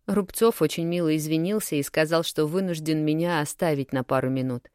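A woman narrating a first-person story for an audiobook, telling it in a lively, expressive way. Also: deep voice, brisk, clear, resonant tone, dry recording, clean studio sound.

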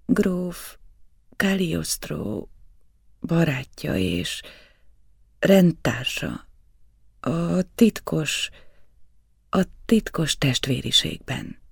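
A man reading an audiobook, voicing an entranced young woman who speaks slowly in a dreamy half-whisper. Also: a little high, big pitch swings, vocal fry, slightly rough, no echo, clean studio sound, exaggerated voice. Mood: mechanical.

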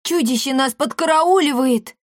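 A woman's voice: high-pitched, moderate pace, no echo, studio quality, voice pushed up, close to an everyday voice. A woman voicing a timid, chubby young man who is nervous and easily frightened.

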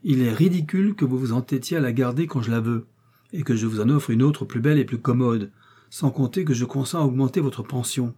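A man's voice: mid-range voice, a little fast, warm tone, breathy edge, natural voice. A man reading the part of a proud, scheming young heiress who speaks curtly and haughtily to her servants. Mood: imperious. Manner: haughty, curt.

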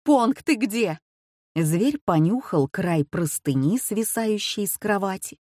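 A woman narrating a storybook in an expressive reading voice. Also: on the low side, no room sound, studio quality.

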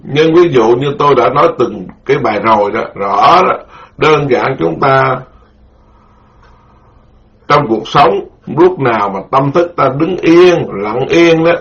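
Monk, slow and deliberate. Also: male voice, medium pitch, expressive, a bit bright. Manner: slow, deliberate, repeats key terms for listeners. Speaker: Buddhist monk teacher. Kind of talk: Buddhist dharma lecture. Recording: dull lo-fi recording.

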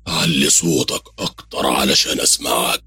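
A man with an Egyptian accent voicing a sly, cruel male devil who speaks slowly and gloatingly. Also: extremely low pitch, bright, forceful tone, breathy edge, soft background music, heavily acted. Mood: taunting. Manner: slow, menacing, gloating.

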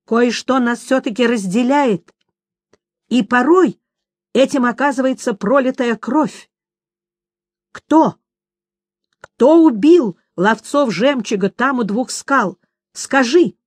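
A woman's voice: medium pitch, expressive, unhurried, no room sound, studio quality. A woman reading aloud voices a grave male monster-hunter with terse, stern speech. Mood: demanding.

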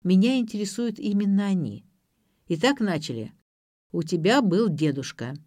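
A woman's voice: mid-range voice, animated, normal speed, darkish tone, dry recording, clean studio sound, natural voice. A woman voicing a cold, demanding man speaking on the phone, curt and commanding.

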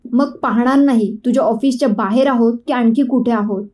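A fiery young woman snaps back with combative, sharp retorts, as a woman narrator puts her on. The voice is high-pitched yet mellow, in a storybook telling. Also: moderate pace, lightly acted. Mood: defiant.

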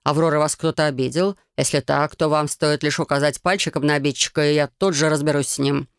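A reader voicing an eager young male suitor in a storybook reading, with a mid pitch and a dry sound. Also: steady tone, fairly quick, smooth, dry recording, lightly acted.

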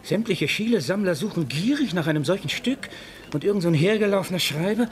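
A haughty male art buyer in a radio drama. The voice sits slightly high, and the delivery is ironic and condescending. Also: animated, fairly quick. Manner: condescending, drawling irony. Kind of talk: radio play acting.

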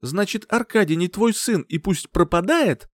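A man voicing a frantic, furious woman, a grieving mother, in an audiobook, shouting in fierce, high cries. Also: animated, normal speed, no room sound, clean studio sound. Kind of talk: audiobook character voice.

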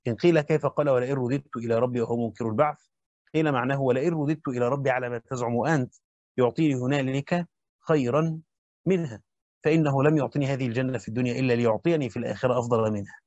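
A man's voice: mid-range voice, fairly even intonation, rapid-fire, a little mellow, dry recording. A man with an Egyptian accent reading a classical commentary aloud and explaining it as a teacher, breaking into colloquial asides. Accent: Egyptian Arabic. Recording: dull lo-fi dry recording.

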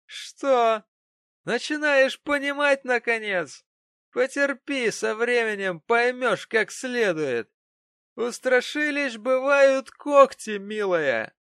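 A man's voice: high-pitched, a little slow, vocal fry, fairly bright tone, no room sound, clean studio sound, pitched above the performer's own voice, exaggerated voice. A man voicing a cruel, drunken young husband in an audiobook, snarling and contemptuous. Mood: gloating. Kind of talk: audiobook character voice.

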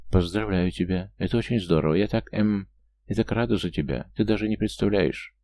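A man's voice: low voice, a little fast, a little mellow. A man voicing a heartbroken young woman who speaks nasally through tears. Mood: tearful. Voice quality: nasal from crying. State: crying.

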